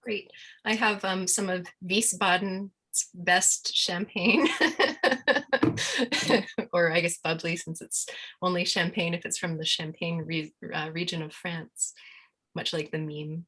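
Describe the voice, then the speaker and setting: A woman's voice: on the low side, level tone, slow, pushed and bright. A woman giving a playful, hesitant toast at a book launch over a video call. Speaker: guest reader giving a toast. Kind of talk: casual toast.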